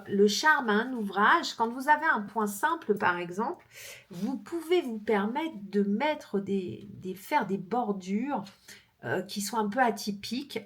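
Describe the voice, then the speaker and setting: A woman crochet vlogger from France chatting casually as she shows her books, with frequent fillers and easy laughter. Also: fairly high pitch. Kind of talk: casual chat showing books.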